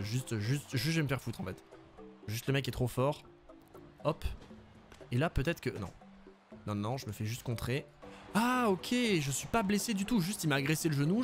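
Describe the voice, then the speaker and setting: Man, casual gameplay commentary, joking, swears freely, bouncy delivery, faint game music behind. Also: on the high side. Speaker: let's play host.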